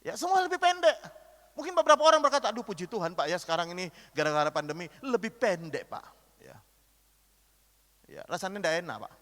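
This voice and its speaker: A man preaching a sermon, animated, acting out quotes and asking the congregation questions. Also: high voice, fast talker. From Indonesia. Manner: lively, animated preaching with acted-out quotes and call-and-response questions. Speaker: pastor. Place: large church hall. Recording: reverberant church hall.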